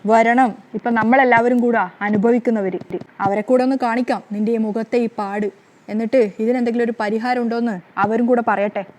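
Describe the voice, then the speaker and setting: A woman's voice: on the high side, fairly even intonation, a little fast, darkish tone, natural voice. A woman voicing an angry, ailing father who speaks in commands. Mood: stern. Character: hot-tempered ailing father.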